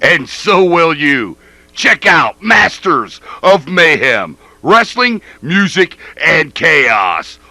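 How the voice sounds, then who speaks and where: A man with a rough, gravelly voice reading hyped promo announcements. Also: on the high side, very animated, drawn-out words, pushed and bright, no echo.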